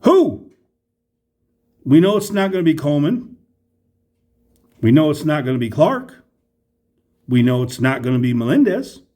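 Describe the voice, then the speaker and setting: A man's voice: fairly high pitch, very animated, normal speed, pauses often, dark tone. A man giving blunt, exasperated halftime basketball commentary as a fan, scathing and emphatic, repeating phrases for effect.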